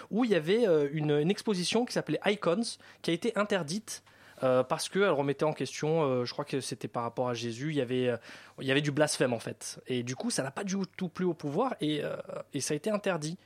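A man hosting a casual talk show, halting often with fillers as he goes. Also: on the high side, lively intonation. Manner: hesitant, many fillers. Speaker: host. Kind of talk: casual chat.

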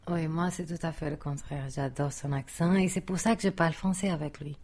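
A woman's voice: sits low, a little fast, darkish tone. A woman from Brazil, a native Portuguese speaker with a Brazilian accent, chatting in French and stretching her vowels expressively. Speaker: guest. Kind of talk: casual conversation.

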